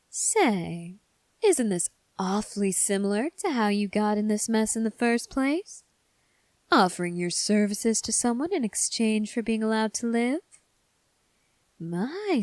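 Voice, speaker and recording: Lady doing an asmr roleplay as a cynical crook woman, slow taunting threats, super dry close sound. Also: mid-range voice, darkish tone, no room sound. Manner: sardonic, teasing, unhurried. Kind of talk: ASMR role-play.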